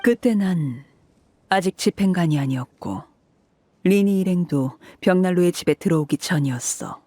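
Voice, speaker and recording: Speaking with a fairly low, animated voice and no room sound, an actress voices a cold, composed commanding woman in a video game, a harbinger recalling a grim history. Her scripted delivery is measured, authoritative and detached, the mood somber, with soft music behind her.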